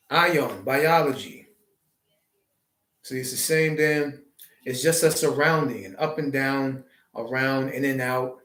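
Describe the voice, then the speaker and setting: A man hosting a live stream, giving a preachy spiritual monologue full of wordplay and rhetorical questions. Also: medium pitch. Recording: roomy echo.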